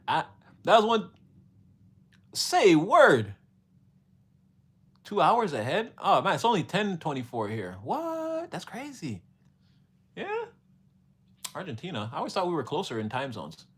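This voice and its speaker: A man's voice: on the high side, wildly swooping pitch, unhurried, long pauses, a bit bright, breathy edge. A man from Montreal, Canada, hosting a casual livestream, rambling in a slangy way and laughing often as he answers his chat.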